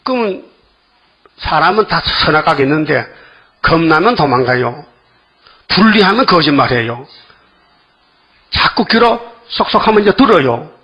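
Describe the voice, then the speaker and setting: An older male preacher with a husky, slightly raised voice gives a sermon. He keeps pressing the congregation with quick rhetorical questions. The recording sounds dull and lo-fi. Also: fairly high pitch, big pitch swings.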